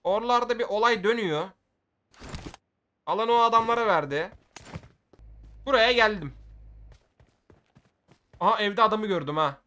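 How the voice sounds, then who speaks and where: High, bright-voiced excitable gamer man. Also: moderate pace, long pauses. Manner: excitable, shouts at the game, slangy. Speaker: gaming video creator. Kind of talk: live gameplay commentary.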